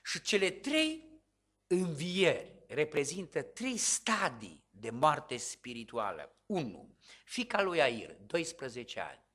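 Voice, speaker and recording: A man from Romania preaching a dramatic sermon as pastor, swinging from hushed asides to loud exclamations. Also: medium pitch, sing-song, husky.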